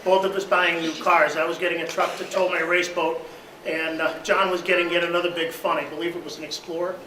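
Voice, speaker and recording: This is a remembrance given at a memorial, recorded far off in a roomy hall where slight noise lingers. The man's voice runs on the high side with little pitch movement, and he speaks briskly. His filler-heavy storytelling swells in volume once the boat tales begin.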